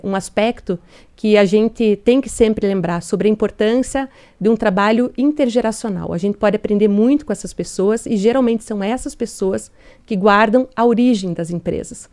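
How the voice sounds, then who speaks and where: A woman's voice: medium pitch, mellow, smooth. A woman in her forties, an interview guest speaking earnestly and thoughtfully. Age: 40s. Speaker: guest from industry. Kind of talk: radio interview answers.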